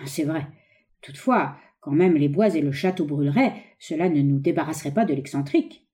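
A woman's voice: sits low, dark tone, lightly acted. A woman voicing a sighing old miser. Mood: fearful. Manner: slow, sighing, anxious murmur. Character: greedy, fearful old male miser.

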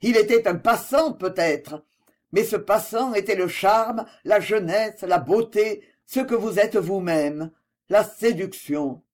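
A man's voice: high voice, slow. A reader voicing a bitter, jealous wounded man. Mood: anguished. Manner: sharp, sarcastic and pleading by turns. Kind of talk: audiobook dialogue reading.

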